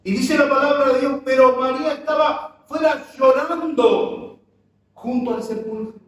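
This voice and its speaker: A man's voice: very high voice, fairly even intonation, measured pace. A man preaching a sermon, impassioned and full of rhetorical questions to the congregation, recorded in a church. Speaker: pastor. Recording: very echoey church hall, mic far off.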